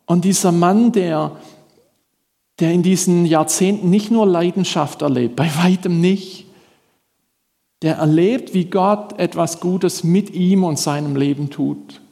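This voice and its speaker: A male preacher with a notably high voice gives a sermon at an unhurried, deliberate pace. He talks to his listeners in a conversational way, turning to them with direct questions. His voice rings out with a long reverb, as if from a large church hall. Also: warm tone. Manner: conversational, addresses the congregation directly.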